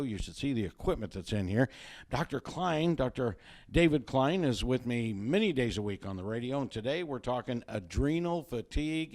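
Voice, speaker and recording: A man's voice: mid-range voice, darkish tone. A man hosting a show with a casual spoken introduction, in an echoey, cave-like unfinished studio. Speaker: show host. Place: unfinished studio, not yet soundproof.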